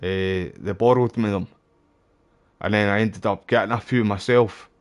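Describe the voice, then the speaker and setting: A man's voice: fairly low pitch, steady tone, normal speed. Glasgow street-accented man, cheeky gaming banter. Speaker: gaming streamer. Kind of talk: casual gameplay commentary, rambling chat.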